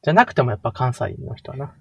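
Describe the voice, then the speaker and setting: A man's voice: medium pitch, animated, very fast, vocal fry, slightly rough, no echo. A young man in his twenties with a Kansai accent, co-hosting a casual podcast chat with opinionated, teasing jokes. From Kansai, Japan. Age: 20s. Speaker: podcast co-host.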